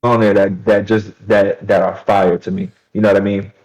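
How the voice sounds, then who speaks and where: Lower-voiced male podcast co-host. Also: dull audio. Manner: animated, repeats words, quick affirmations. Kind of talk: casual chat.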